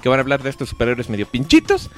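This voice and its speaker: Mexican guy hosting a podcast, super lively pitch, slangy, faint music under him. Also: racing. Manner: animated, acts out quotes with lots of slang. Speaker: podcast host. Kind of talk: casual slangy review chat.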